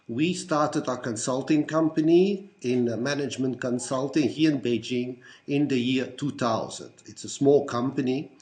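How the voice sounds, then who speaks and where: Older Belgian man in his sixties, steady mid-pitched voice, calm measured delivery with "uh" fillers, friendly club self-introduction. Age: 60s. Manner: measured, lists things one by one with frequent "uh" fillers. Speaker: Rotarian introducing himself. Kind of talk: recorded self-introduction to fellow club members.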